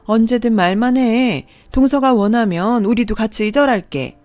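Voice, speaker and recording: A woman voicing an elder sister-in-law who sounds kind and reassuring, a little higher than her own voice, in a radio drama. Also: moderate pace, no room sound, lightly acted. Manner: gentle, reassuring.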